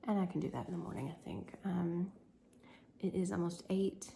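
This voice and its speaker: A tired woman vlogging her day as a crochet business owner and homeschooling mom, whispering softly and rambling with lots of ums late at night at home. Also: fairly low pitch, normal speed, creaky, slight background noise.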